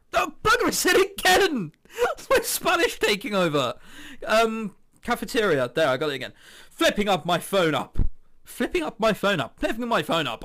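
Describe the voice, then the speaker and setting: Reading a visual novel out loud in a jokey let's play, a man acts out the dialogue with exaggerated voices and drops in crude, humorous asides. He speaks on the high side with a fairly bright tone.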